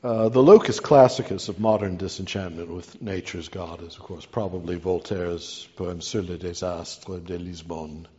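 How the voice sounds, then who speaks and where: Male lecturer, dark-toned and erudite, rhetorical read delivery, slightly muffled recording with long hall reverb. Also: sits low, moderate pace, few pauses. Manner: erudite, ornate literary phrasing. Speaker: guest lecturer giving a talk. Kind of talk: scholarly lecture read from a prepared text.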